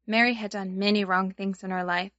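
A woman's voice: mid-range voice, steady tone, brisk, a bit bright, no room sound, highs cut off. A woman speaking as a Sunday school teacher, telling stories to small children and guiding them in simple phrases. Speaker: children's Bible lesson host.

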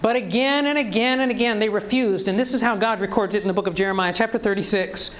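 Male preacher, very high-pitched, emphatic sermon delivery heavy on rhetorical questions. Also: fast, a bit bright, slight background noise, low-quality recording.

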